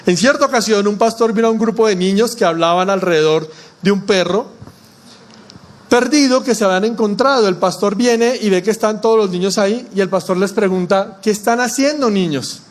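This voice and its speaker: High-voiced pastor preaching. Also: male voice, a little fast. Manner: preaching with rhetorical questions to the congregation; folksy, anecdotal delivery with humor. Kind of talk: sermon.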